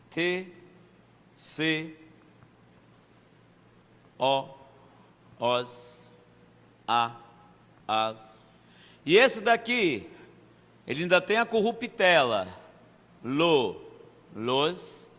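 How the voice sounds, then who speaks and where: Brazilian male teacher, bright high voice, slow and playful, reverberant room. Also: very animated. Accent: Brazilian Portuguese. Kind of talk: online exam-prep grammar lesson.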